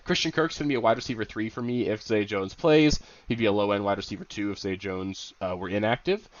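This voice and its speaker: A young man talks quickly and eagerly, his voice slightly low and congested with a head cold. He rambles casually, full of fillers. The recording sounds dull and lo-fi. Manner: upbeat, chatty, many fillers. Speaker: fantasy football analyst. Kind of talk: casual video commentary.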